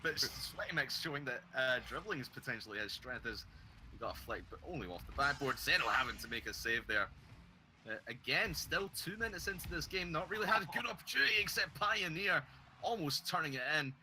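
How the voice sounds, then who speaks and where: A man giving relaxed esports color commentary and reading out donations, with many fillers. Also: fairly high pitch, a little fast, a little hiss or hum, poor audio. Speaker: esports co-caster.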